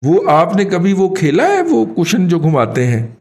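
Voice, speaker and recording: A man with a Pakistani Urdu accent, co-hosting a talk show and giving rambling, animated commentary. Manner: animated, rambling, pitch jumps when emphatic. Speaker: co-host, elder commentator.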